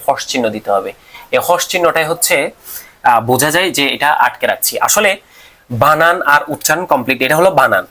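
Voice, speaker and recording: A man, teaching a class. He asks questions and answers them himself, and sounds out syllables slowly. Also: medium pitch, pushed and bright. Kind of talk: classroom lecture on pronunciation rules.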